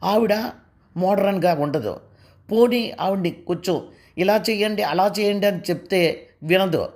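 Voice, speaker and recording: A woman voicing a sharp-tongued, proud young wife who talks in a raised, cutting way. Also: medium pitch, moderate pace, pitched above the performer's own voice, lightly acted. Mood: scornful.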